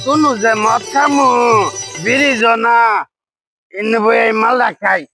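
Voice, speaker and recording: A man with a rural Bangladeshi accent playing a loud, quarrelsome town drunk who whines and blusters in a village comedy skit. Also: extremely high pitch, unhurried, music in the background. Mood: whining, demanding.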